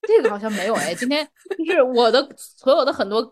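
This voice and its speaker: Fast-talking woman. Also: on the high side, expressive. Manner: chatty, laughing, repeats words while searching. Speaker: guest. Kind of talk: casual chat, telling anecdotes.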